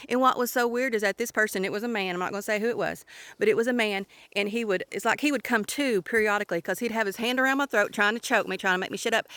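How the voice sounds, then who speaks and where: Bright-toned woman, earnest, talks straight to viewers like a friend, lots of restarts. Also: mid-range voice, no room sound. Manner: earnest, emphatic storytelling with many restarts. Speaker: ministry leader and author. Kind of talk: casual testimony to viewers.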